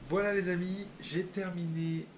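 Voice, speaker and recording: A man's voice: high voice, flat delivery, normal speed, faint music behind. A man in his twenties from France, an artist chatting casually to viewers in a vlog and joking about himself. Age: 20s. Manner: chatty, joking and self-mocking. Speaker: artist and video host.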